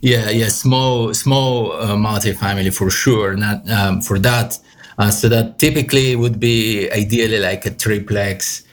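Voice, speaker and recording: A man's voice: fairly low pitch, steady tone, unhurried. A man, answering interview questions hesitantly with many fillers. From Bulgaria. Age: 30s. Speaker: guest, real estate investor.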